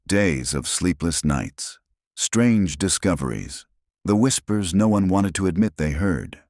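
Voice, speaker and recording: Very deep-voiced male horror narrator. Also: expressive, unhurried, a little mellow, no room sound, studio quality. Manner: dramatic, suspenseful delivery.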